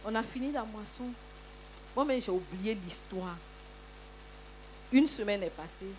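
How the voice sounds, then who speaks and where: A woman giving a lively church testimony, telling her story with many hallelujahs. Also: medium pitch, measured pace, slight background noise.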